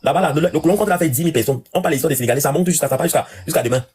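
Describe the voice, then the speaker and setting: A man rants to his live-stream audience at a breakneck clip, doubling back on his own phrases. His voice has a husky, slightly raspy edge. It is casual, unscripted chat aimed at viewers. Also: fairly high pitch. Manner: rapid, animated ranting with repeated phrases.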